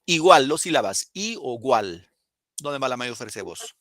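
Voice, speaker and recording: A man's voice: medium pitch, sing-song, unhurried, a bit bright, no echo. A male teacher with a Peruvian Spanish accent explaining a poem and questioning his students in a classroom lesson. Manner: explains and questions students, reads poems aloud.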